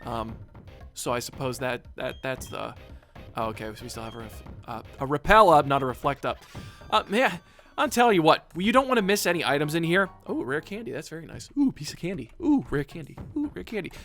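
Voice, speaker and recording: A man's voice: fairly high pitch, lively intonation, fairly quick, a bit bright, soft background music. A man giving casual, rambling commentary on a video game as he plays, full of fillers and jokes. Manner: rambling, filler-heavy and joking. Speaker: video game let's player.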